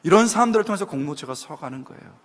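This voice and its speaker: A man delivers a sermon to a young adults' group and brings his stories to life by acting out the people in them. His voice sits high and swings widely in pitch. The sound carries a long hall reverb. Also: racing. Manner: animated storytelling, acting out quoted voices. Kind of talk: sermon with storytelling. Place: church hall.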